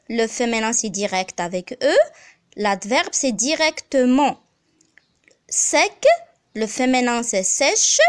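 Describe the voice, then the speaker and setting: A woman teaching a grammar lesson as a voice-over, spelling out letters and repeating each example. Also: a little high.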